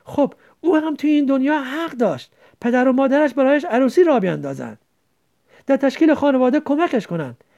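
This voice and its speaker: A woman voicing an earnest teenage village boy who gently comforts his sister, in a read-aloud story. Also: high voice, animated, gravelly, highs cut off, pitched above the performer's own voice. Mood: bitter. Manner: gentle, soothing, then bitter.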